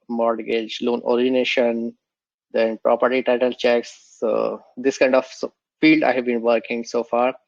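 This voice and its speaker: A man's voice: medium pitch, creaky, a little mellow, dry recording, lo-fi sound. A man with a cold, answering interview questions as a guest, earnest and explanatory. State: has a cold.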